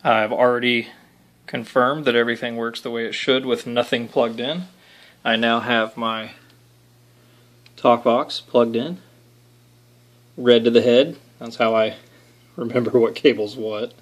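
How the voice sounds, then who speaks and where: In an unscripted hands-on tutorial, a DIY video maker shows how he modifies an amp, chatting casually and poking a little fun at himself. His medium-pitched voice stays steady, moving a bit slowly with frequent pauses.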